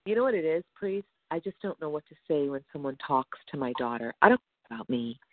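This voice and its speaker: A woman's voice: low voice, very animated, fast, slight background noise. Anxious woman on a tinny phone line. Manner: anxious, rambling, talks in long run-on stretches. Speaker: caller seeking advice. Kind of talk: phone conversation.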